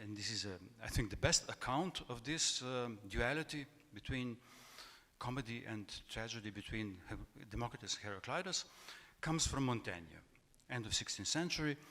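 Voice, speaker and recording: A man giving an academic talk in a halting way, with many fillers and repeated words. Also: mid-range voice, sharp tone. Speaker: academic speaker. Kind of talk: academic lecture. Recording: echoey hall.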